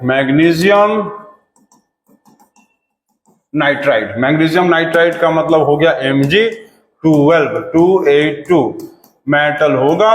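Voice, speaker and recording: A man's voice: fairly high pitch, fairly bright tone. A man giving a chemistry lesson in a chatty, repetitive way, coaxing his students along. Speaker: teacher. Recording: echoey room with long reverb.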